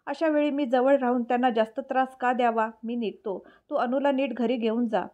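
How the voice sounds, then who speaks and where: A stern, forceful young man with a protective streak, read by a woman narrator. His voice sounds mellow and a little high. It comes through on a dull, lo-fi recording. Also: steady tone, fairly quick, natural voice. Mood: soothing.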